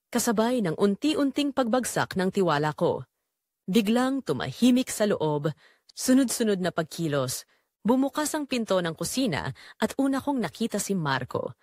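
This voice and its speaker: A Filipino woman performs a theatrical first-person read as an audio drama storyteller, her pitch highly animated. The recording is very dry.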